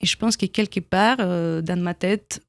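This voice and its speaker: A woman in her thirties with a Russian accent, a radio interview guest who speaks thoughtfully, with frequent pauses and small slips. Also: lowish voice, no echo, studio quality. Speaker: guest, documentary filmmaker. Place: radio studio.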